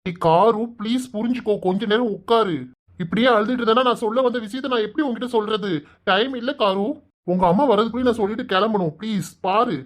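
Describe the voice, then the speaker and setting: A woman's voice: fairly high pitch, natural voice. A woman voicing a young village man in a cartoon, with a Kanyakumari Tamil accent, teasing and coaxing his sweetheart. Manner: teasing and coaxing, soft and drawn-out. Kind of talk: cartoon voice acting.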